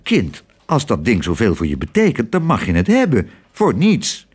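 A man's voice: fairly low pitch, huge pitch swings, moderate pace, a little mellow, husky, heavily acted. A man voicing a kind older male antique dealer in a children's audiobook. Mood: kindly.

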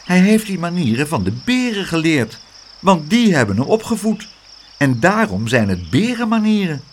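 Man voicing a gentle young boy, high-pitched, earnest, pleading, storybook voice. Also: sing-song, normal speed, a little hiss or hum. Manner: pleading and reasonable.

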